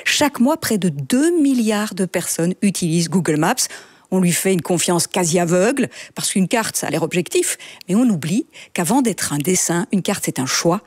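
A woman radio columnist, explaining a news topic in a clear commentary. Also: on the low side, expressive, moderate pace, darkish tone, dry recording.

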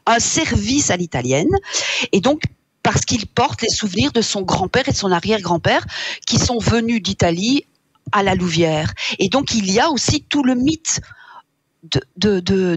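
Hesitant woman, husky and dry. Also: mid-range voice, expressive, measured pace, dry recording. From Wallonia, Belgium. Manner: reflective, hesitant with many fillers. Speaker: author and guest. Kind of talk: radio interview.

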